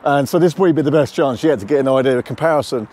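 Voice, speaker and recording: Speaking quickly in a medium-pitched, slightly mellow voice, a car vlogger chats casually and matter-of-factly to camera. He's filmed mostly outdoors, around car parks and roadsides, using a lapel lavalier mic fitted with a furry windshield.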